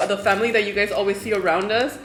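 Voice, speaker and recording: A woman's voice: mid-range voice, fairly even intonation, fast, fairly bright tone, reverberant, soft background music. A woman co-hosting a casual eating vlog, chatting easily and slipping Spanish words into her English. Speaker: vlog co-host. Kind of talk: casual mukbang chat.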